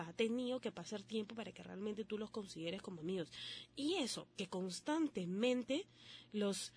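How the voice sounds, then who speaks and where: A young Peruvian woman with a slightly high voice, chatting straight to her viewers about relationships. She talks in a lively, casual way and keeps firing rhetorical questions, sprinkled with local slang. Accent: Peruvian Spanish. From Peru. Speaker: relationship advice vlogger. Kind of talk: casual advice talk to viewers.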